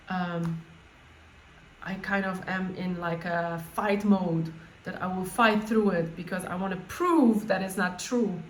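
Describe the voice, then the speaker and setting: A woman coach leading an informal guided meditation, speaking off the cuff in a halting way and often rephrasing herself. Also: on the low side. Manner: halting, spontaneous, with repeated words and rephrasing. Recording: echoey room with faint background noise.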